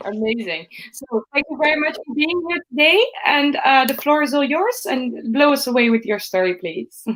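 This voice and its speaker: A woman's voice: sits high, expressive, moderate pace, a bit bright, poor audio. Upbeat woman hosting online. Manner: upbeat welcoming introductions. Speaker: conference host. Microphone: video call.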